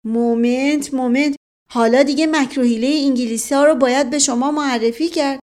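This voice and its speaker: A woman's voice: high-pitched, pitched above the performer's own voice, lightly acted. A woman doing a mischievous witty nobleman. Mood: mocking. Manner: lively, mocking. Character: witty middle-aged nobleman, mischievous, teasing.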